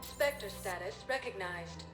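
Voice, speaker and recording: A woman voicing a calm, polite elevator computer in a video game, giving even, clipped announcements. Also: medium pitch, slow. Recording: echoey and distant, game music behind. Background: game music.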